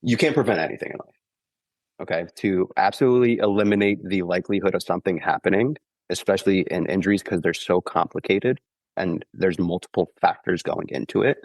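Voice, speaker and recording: A man getting over the flu sounds congested as he patiently explains running injuries on a casual podcast, often checking in with "okay?". His low voice is brisk and a little mellow, with no room sound.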